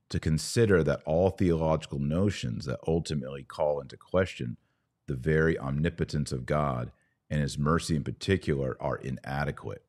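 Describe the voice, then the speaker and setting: A man with a rumbling low, darkish voice hosts a podcast, offering conversational religious commentary that is emphatic and argumentative, full of rhetorical questions.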